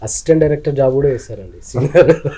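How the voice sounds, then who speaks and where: A man's voice: mid-range voice, a loud crowd. A man on a film team, telling anecdotes from the shoot in a casual interview. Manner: fast anecdotal recounting.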